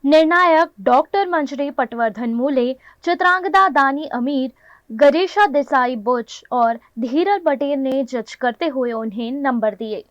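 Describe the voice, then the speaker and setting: A woman with an Indian accent narrates a scripted event report. Her voice is high, and the recording is close and dry with no room sound. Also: a little slow, dry recording, dull audio.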